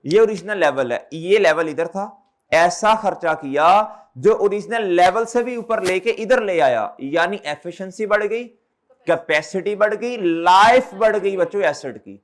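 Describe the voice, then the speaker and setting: Brief: male lecturer with a high voice, drilling students with repeated questions. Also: lively intonation, unhurried. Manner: calls students brother and children. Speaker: accountancy teacher. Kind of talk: classroom lecture.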